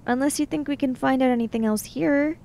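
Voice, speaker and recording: Playing a tabletop role-playing game, a woman chats casually in character, matter-of-fact and argumentative. Her voice sits high and is a little fast, creaky, and a little mellow.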